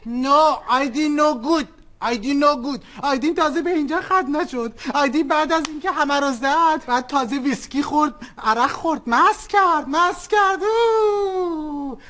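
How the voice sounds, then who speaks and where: A blunt, overprotective older mother, as a performer plays her, with a heavy Persian accent. She talks fairly high and mocks people bossily. She keeps slipping into broken English. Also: bright, forceful tone. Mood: bossy. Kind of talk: sketch comedy acting.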